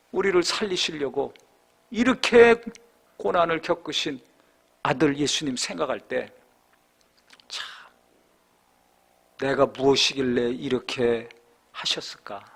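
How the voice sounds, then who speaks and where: A male pastor preaching a sermon with rhetorical questions, swinging between raised exhortation and hushed reflection. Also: fairly high pitch, lively intonation, a little slow, vocal fry, pauses often, husky.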